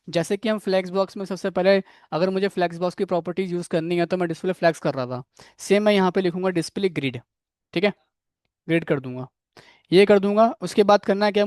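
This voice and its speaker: In a dry, studio-quality recording, a man with a high, slightly mellow voice teaches coding. He walks through each step, checks in with students using "theek hai," and questions them by name.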